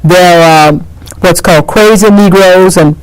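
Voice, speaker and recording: A woman's voice: on the low side, measured pace, clean tone, low-quality recording. This is a woman speaking as an interview guest, teaching history in a conversational but impassioned way. She is emphatic, and she repeats phrases to drive them home.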